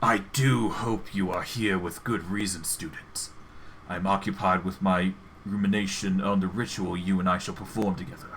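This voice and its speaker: A man's voice: low voice, steady tone, a bit bright, a little hiss or hum. Man putting on a pompous, imperious undead lich. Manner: pompous, formal, measured. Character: imperious, irritable undead lich mentor, cold and scholarly. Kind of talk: game dialogue read aloud in character.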